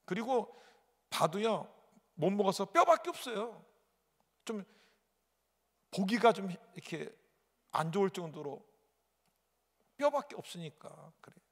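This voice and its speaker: High-pitched pastor. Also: male voice, big pitch swings, unhurried, pauses often. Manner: dramatic storytelling with sudden loud outbursts and repetition. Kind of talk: sermon with personal testimony. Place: large church sanctuary. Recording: echoey church hall.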